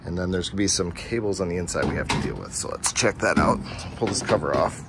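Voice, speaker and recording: A man's voice: sits low, expressive, fast. A man hosting a casual DIY how-to video, explaining step by step in an informal way, in a basement room. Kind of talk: casual how-to repair narration. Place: noisy basement furnace room at home. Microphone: handheld camera's microphone. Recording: background noise from basement furnace room.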